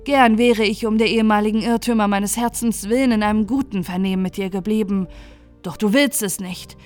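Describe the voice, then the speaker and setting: A woman playing a cold, aloof young nobleman in a fairy tale audiobook, speaking in a measured way. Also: mid-range voice, fairly even intonation, darkish tone, soft background music, natural voice.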